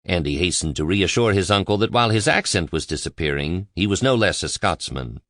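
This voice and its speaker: A man reading a biography aloud as an audiobook narrator, in a measured, even delivery. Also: low-pitched, no room sound, studio quality.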